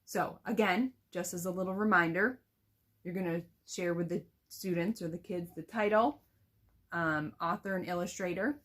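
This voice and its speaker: A young woman teacher with a slightly low voice walks students through how to read a picture book aloud to children. She talks in a chatty, explaining way, with plenty of fillers. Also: moderate pace, fairly bright tone. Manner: explains then reads aloud with expression.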